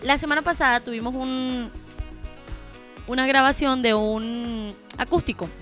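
High bright woman co-host, playful. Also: fairly even intonation, measured pace, soft background music. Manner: enthusiastic, playful storyteller. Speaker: podcast co-host. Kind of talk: casual chat.

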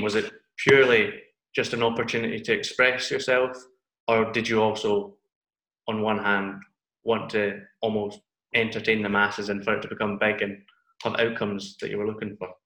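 A man's voice: lowish voice, sharp tone, echoey room, poor audio. A Scottish man hosting a casual interview, asking long, curious, winding questions. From Scotland. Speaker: podcast host.

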